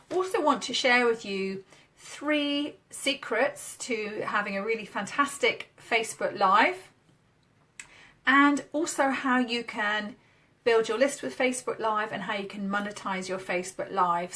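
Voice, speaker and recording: Bright chatty British woman on a webcam. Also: mid-range voice. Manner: chatty, upbeat, demoing on screen as she talks. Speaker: marketing coach. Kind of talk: casual Facebook Live chat.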